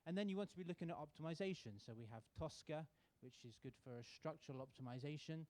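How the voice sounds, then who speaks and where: With a mellow voice that's a little high, a British-born man representing a sponsor delivers a relaxed welcome speech at a contest held in a university auditorium. He stumbles along with plenty of fillers and restarts.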